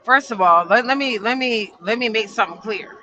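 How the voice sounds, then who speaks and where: A woman hosting a live stream and talking casually to her chat, her audio coming through faint and breaking up on a low quality stream. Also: brisk, sharp tone, a faint crowd, a little hiss or hum. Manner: talks straight to chat, checking if she is heard.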